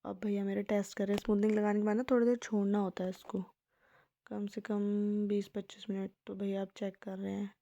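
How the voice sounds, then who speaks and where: A young woman narrating a casual vlog voice-over in a soft, hushed, chatty way. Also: mid-range voice, flat delivery, brisk, dry recording, muffled recording. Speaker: vlogger.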